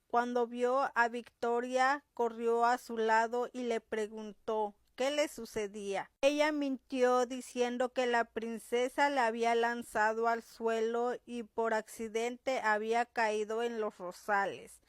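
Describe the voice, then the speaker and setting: A woman narrating a romance audiobook in a calm, measured storytelling manner. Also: fairly high pitch, smooth, no echo, clean studio sound.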